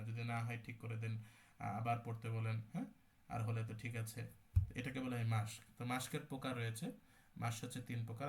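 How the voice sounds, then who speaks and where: A young man with a gravelly, mid-pitched voice leads an online recitation lesson. He explains each term patiently, checks in with questions to his class, and coughs now and then. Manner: explanatory, repeats terms and asks the class questions. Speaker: Quran recitation teacher. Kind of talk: online tajweed class lecture.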